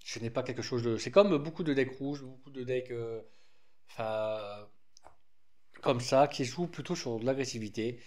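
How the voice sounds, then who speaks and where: Guy with a lisp going over his card deck, chatty and rambly, mid-pitched voice. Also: normal speed, darkish tone. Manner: rambling, frequent restarts and fillers, informal. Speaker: card game deck presenter. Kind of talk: casual deck explanation.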